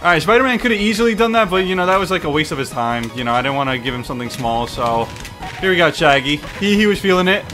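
A man giving excited, casual video game commentary, exclaiming and swearing freely as he plays. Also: fairly high pitch, quick pace, music in the background. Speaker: gaming streamer.

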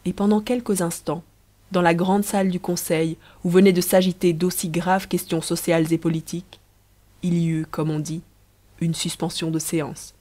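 A woman narrating a story in an even, storybook reading style. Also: on the low side, moderate pace. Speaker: audiobook narrator. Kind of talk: scripted narration.

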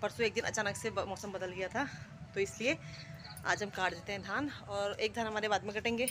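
A woman's voice: medium pitch, fairly even intonation, brisk, noisy background. A woman in her thirties with an Uttarakhand Hindi accent, casually narrating a village vlog as she explains farm work step by step. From India. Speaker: vlogger. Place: outdoors by rice fields and farmyard, then home kitchen. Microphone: phone camera, often held at arm's length.

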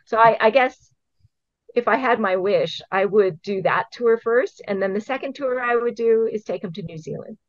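On this home video call, a middle-aged woman from Hawaii talks at a moderate pace in a voice on the high side. As a guest interviewee who manages an invasive species program, she gives casual answers, explaining earnestly and methodically with an odd laugh here and there. The audio is dull and dry, with no echo.

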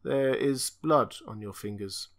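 A man with a mid-range voice speaks slowly as an ancient, blind, tortured alien being. The character laments in a raised, mournful chant, pleading as it goes.

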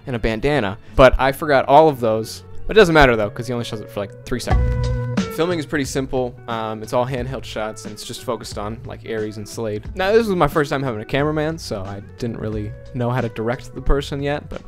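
A young man whose first language is Finnish chats in a casual tutorial vlog about how he edited a video, speaking into a close handheld dynamic mic in a small bedroom. This video creator is chatty, jokey and animated, with a mid-range voice, a quick pace, and faint music behind him.

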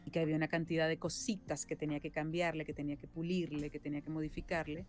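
A woman from Venezuela with a somewhat low voice talks through her craft in a casual interview. She explains patiently and at length, checking in with the listener with tag questions. Faint music plays behind her. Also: flat delivery, very fast, a little mellow. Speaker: voice actress and singer-songwriter, guest.

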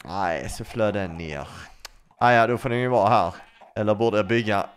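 A man giving excitable let's play commentary, asking question after question and swearing freely. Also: on the low side, slight background noise. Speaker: gaming YouTuber.

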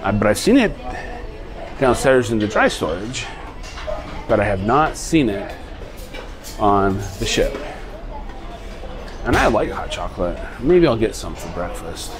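A man with a fairly low voice, very animated yet a little slow and pausing often, walks viewers through a ship's buffet restaurant indoors. This travel vlogger keeps his handheld commentary loose and rambling, and music runs under the low-quality recording.

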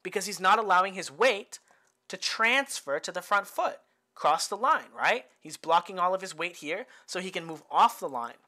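A Bay Area boxing coach with a high, expressive, bright voice talks at normal speed with real force. He breaks down fight footage casually and chattily, tacking "right?" onto many lines and laughing at his own jokes.

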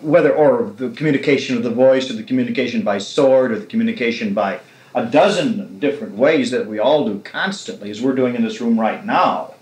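On an old 1969 tape, a man interviews an author, musing reflectively and at length about novels in long, winding literary remarks. His medium-pitched voice is brisk and a little mellow, heard in an echoey room on a low-quality recording.

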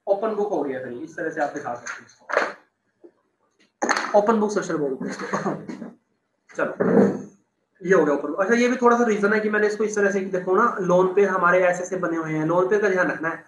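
A man's voice: high-pitched, normal speed, long pauses, slight background noise. A young man teaching chemistry in an online class, talking casually, repeating terms and checking that students follow. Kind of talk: online class explaining on a board. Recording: echoey room.

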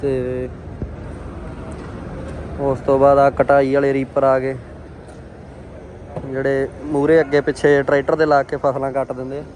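A man's voice: mid-range voice, monotone, unhurried, long pauses, a little mellow, rough recording. A man giving casual, chummy vlog commentary outdoors, addressing viewers as friends. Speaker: vlog host. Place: outdoors at a farm machinery fair. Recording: engine and vehicle noise, outdoors.

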